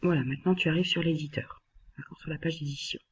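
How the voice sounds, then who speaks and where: A woman instructor walking a colleague through a screen-recorded software tutorial, patient and step-by-step, talking directly to him and sometimes dropping to a near whisper. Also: sits low, fairly even intonation, quick pace, highs cut off, a little hiss or hum.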